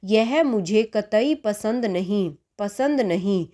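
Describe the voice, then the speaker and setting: Woman voicing stern mother-in-law, angry, scolding, indignant, slow-spoken, storybook. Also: medium pitch, expressive, dark tone.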